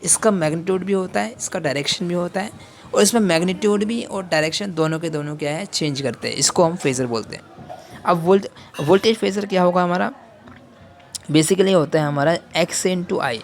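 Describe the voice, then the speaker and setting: A man giving an electrical engineering lecture who keeps asking questions and answering them himself, with many fillers and restarts. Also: sits high. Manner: reads English terms out slowly. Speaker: teacher.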